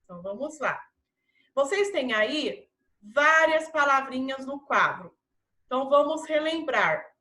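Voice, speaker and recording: A woman teaching a primary school lesson in a Brazilian Portuguese accent, patiently drawing out each example word slowly. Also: high voice, animated, pushed and bright, reverberant. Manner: slow, drawn-out pronunciation of example words; patient and encouraging. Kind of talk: recorded classroom lesson.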